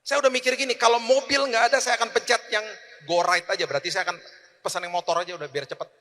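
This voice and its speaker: A man pastor preaching a sermon, swinging from loud emphatic declarations to quiet storytelling. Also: very high voice, fairly even intonation, fast, long reverb tail.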